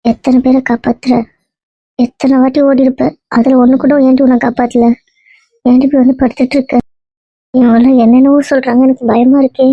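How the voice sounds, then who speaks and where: A woman's voice: high voice, level tone, a little fast, dry recording. A woman playing a grieving mother who pleads with her injured daughter in a tearful monologue. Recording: dull dry lo-fi recording.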